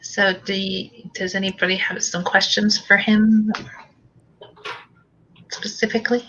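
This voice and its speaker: Lady host on a live stream reading chat questions, bright voice, dull lo-fi sound w faint hum. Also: mid-range voice, flat delivery, a little slow. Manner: reads out viewer questions. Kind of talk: hosting a live talk stream.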